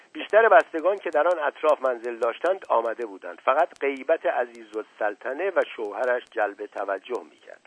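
A man's voice: medium pitch, dry recording. A man reading a novel aloud, narrating steadily as an audiobook reader. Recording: husky voice over tinny phone-like band, dry.

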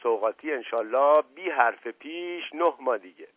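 A man's voice: mid-range voice, lively intonation, breathy edge, no echo. A man voicing a flirtatious, joking middle-aged prince in a story reading, with a playful, mocking manner. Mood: teasing. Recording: dry, slightly dull audio.

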